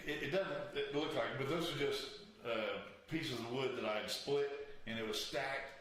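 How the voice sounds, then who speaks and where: A male show host with a mid-range, slightly bright voice speaks at normal speed. He chats casually, rambling through a story in a joking, easygoing way. The room is echoey with faint noise.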